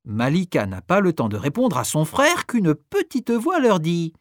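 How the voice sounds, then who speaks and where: A woman reading a children's story aloud, expressive and acting out each character. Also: on the low side, unhurried, dry recording, studio quality.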